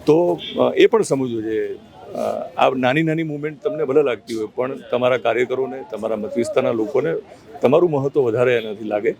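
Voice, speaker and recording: A man interviewing a politician, asking slow, thoughtful questions with hesitations and addressing viewers directly. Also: mid-range voice, vocal fry, darkish tone. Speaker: interviewer and news reporter. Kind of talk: conversational interview with asides to viewers.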